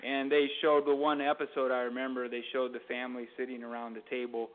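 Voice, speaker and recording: A man delivers a sermon in a loose, conversational style, drifting into anecdotes and filling pauses with ums. His voice sits at an ordinary middle pitch. The recording is narrow and tinny, like a phone line. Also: monotone. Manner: conversational, rambling with fillers and asides. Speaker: preacher.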